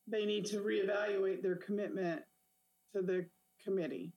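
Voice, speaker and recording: A woman committee member giving her opinion in a meeting, speaking deliberately and firmly. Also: mid-range voice, steady tone, lo-fi sound. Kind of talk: meeting discussion.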